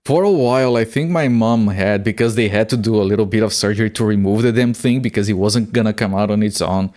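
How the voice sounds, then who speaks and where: A man with a somewhat low voice chats casually while playing a game on a live stream. He swears freely and often stammers and repeats words before a sentence gets going. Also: fairly quick, darkish tone.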